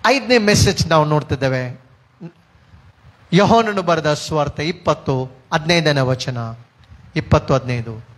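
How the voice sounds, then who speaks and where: A man's voice: a little high, unhurried, long pauses. A man preaching a sermon as pastor, emphatic and repetitive, dropping English words into his talk.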